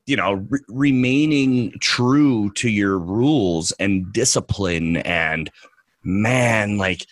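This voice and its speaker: A man's voice: on the low side, fairly bright tone, no echo. A man co-hosting a trading podcast, ranting profanely and mocking others in put-on voices. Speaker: podcast co-host, trader. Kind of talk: ranting casual podcast talk.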